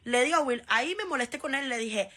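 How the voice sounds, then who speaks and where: A Cuban woman tells a funny story from her school days in a casual vlog style. Her voice is bright and sits slightly high, and she laughs and acts out the people in the story as she goes. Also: expressive, fast talker. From Cuba. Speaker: vlogger.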